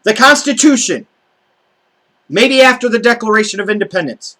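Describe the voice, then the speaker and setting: A man's voice: sits high, animated, moderate pace, sharp tone, poor audio. An American man delivering an angry, profane political rant to camera, stressing his words heatedly. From United States. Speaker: video blogger.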